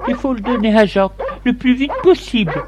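A man voicing a fretful, anxious middle-aged wife in a read-aloud story, pushing his voice well up into a fussy register. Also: a little fast. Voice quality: raised falsetto-like pitch. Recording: steady background noise.

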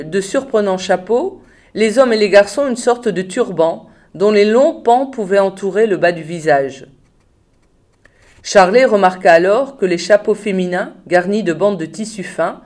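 Woman, audiobook reading, steady, measured narration. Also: mid-range voice. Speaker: reader of a novel. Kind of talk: reading a novel aloud.

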